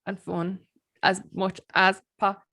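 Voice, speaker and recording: A woman in her twenties co-hosts a podcast from a video call, chatting casually and teasing her friend. She swears freely. Her voice sits at a middle pitch, and the sound is dry with no room around it. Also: little pitch movement, moderate pace, sharp tone, dry recording. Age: 20s. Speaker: podcast co-host. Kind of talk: casual chat.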